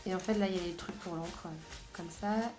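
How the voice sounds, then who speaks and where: A woman's voice: on the low side, fairly even intonation, fairly quick, music in the background. A woman hosting a casual craft video, chatty and hesitant, with frequent fillers and giggles. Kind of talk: casual craft haul and tutorial chat.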